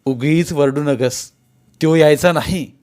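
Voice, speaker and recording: A man's voice: fairly high pitch, racing, a little mellow, voice pushed up, lightly acted. A man voicing a scheming, menacing rural landlord who growls threats in rustic village speech.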